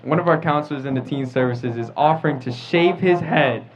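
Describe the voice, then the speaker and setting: A teenage or young adult American man hosts a casual group chat show for teens, talking briskly in a slightly high voice. The recording is dull and lo-fi, with clear background noise.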